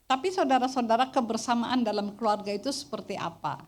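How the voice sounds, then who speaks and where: A middle-aged woman pastor preaching a Sunday sermon in church, telling humorous stories in a loud voice that carries far and often addressing the congregation. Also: on the high side, brisk.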